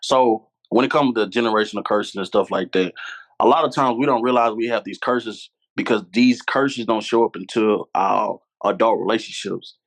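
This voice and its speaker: Speaking at a moderate pace in a lowish voice, this podcast guest shares candid, conversational stories with real earnestness, going back over his points to stress them. He's a man in his 20s from Louisiana in the US, and the recording is low quality.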